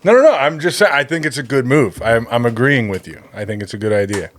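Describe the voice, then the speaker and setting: A man's voice: mid-range voice, expressive, fast talker, slight background noise. A man co-hosting a casual podcast in a mid-range voice that rises and falls freely. He teases his partner and laughs a lot, keeping the banter loose. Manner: playful, teasing, laughs a lot. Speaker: podcast co-host.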